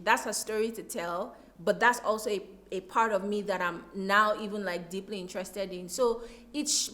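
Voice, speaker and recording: Appearing as an interview guest, a Nigerian-accented woman reflects aloud, recounting things with expressive emphasis and deliberate repetition. She has a medium-pitched, slightly bright voice.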